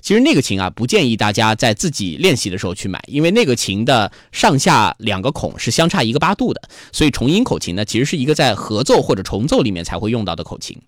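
A man's voice: mid-range voice, sing-song, quick pace, few pauses, dry recording, studio quality. A man hosting a live-streamed music talk show, explaining in a chatty way with fillers and restarts. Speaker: host.

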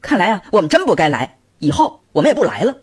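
A man voicing a bossy, hot-tempered young wife who shouts in a high voice. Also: wildly swooping pitch, fast talker, husky. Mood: furious.

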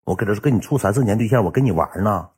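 A man's voice: lowish voice, lively intonation, quick pace, a little mellow, husky. Man acting out a furious swearing girlfriend. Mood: seething. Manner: swearing, threatening. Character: furious young woman, his fierce girlfriend.

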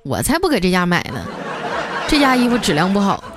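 A vain, coquettish middle-aged mother, as a woman puts her on, teasing and fussing in a comic story podcast. Music plays clearly behind the voice. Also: mid-range voice, very animated, a little fast, a crowd in the background, lightly acted. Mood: chatty.

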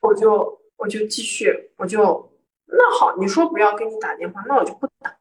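Her pitch is medium and her pace brisk as this young woman from Guangzhou, southern China, recounts a personal story while chatting as a guest. She performs the argument's quoted lines with mounting indignation, her voice picked up at a distance amid slight background noise.

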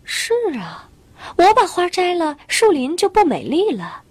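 Woman voicing a high, eager little firefly. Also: huge pitch swings, measured pace, no echo, full character voice. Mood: thoughtful. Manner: simple, childlike. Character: small eager kind-hearted young firefly.

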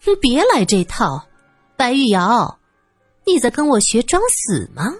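Lady putting on screechy hot-headed young actress yelling insults, dry close sound. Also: very animated, unhurried, slightly rough, no echo, faint music behind, heavily acted. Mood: furious, mocking. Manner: shrill, shouting. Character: furious jealous young actress, screaming insults.

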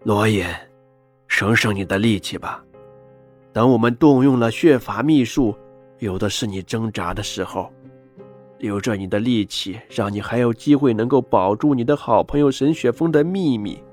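A man's voice: medium pitch, normal speed, darkish tone, faint music behind, close to an everyday voice. An actor playing a cold-blooded old male sorcerer who speaks curtly and with contempt. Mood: contemptuous. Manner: curt, contemptuous.

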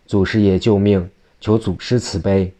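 A man's voice: sits low, fairly even intonation, normal speed, dark tone, natural voice. Man voicing pleading young female demons. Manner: pleading, begging.

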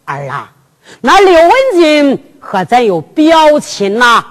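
A woman voicing a scheming old father who speaks slowly and deliberately, with a Henan accent, in a drum-ballad storytelling. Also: very animated, full character voice. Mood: scheming, instructing. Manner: drawn-out, deep, deliberate elder's speech. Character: slow-spoken old father, scheming, low-voiced. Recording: long hall reverb with music.

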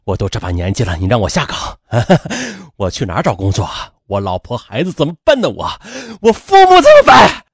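A man's voice: mid-range voice, lively intonation, fast, husky, no room sound, studio quality. A man voicing a bitter middle-aged husband who has lost his job. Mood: raging. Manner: bitter, erupting into raging shouts.

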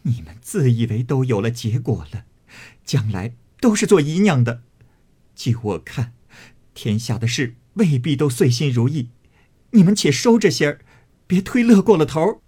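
A man's voice: on the low side, lively intonation, a little slow, long pauses, warm tone, slightly rough, heavily acted. A man reading the part of a proud, fiery young maidservant who answers sharply and with indignation. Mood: furious.

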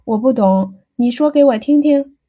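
A woman's voice: high-pitched, normal speed, dull audio. A woman voicing an impatient, teasing young society woman in an audiobook reading, pressing and playful.

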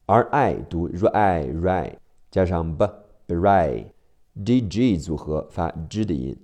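A male teacher drilling English word spellings letter by letter, slow and deliberate. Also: low-pitched, expressive, dark tone. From China.

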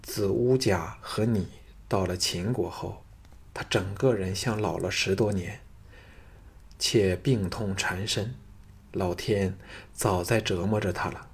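A man's voice: sits low, slow pace, husky, full character voice. A man voicing a lovesick young noblewoman who begs and pleads breathlessly. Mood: pleading. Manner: breathless, imploring.

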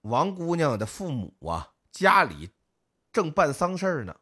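A man spins a folk story for his co-host in a chatty podcast. His voice sits slightly high and swings widely in pitch as he acts out the villagers. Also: big pitch swings, unhurried, sharp tone, husky. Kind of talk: casual storytelling chat.

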